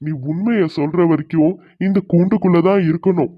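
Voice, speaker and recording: Strict accusing village headman in a cartoon, a bit high, muffled and dry. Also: fairly quick, no room sound. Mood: stern. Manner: stern, accusing. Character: stern male village headman.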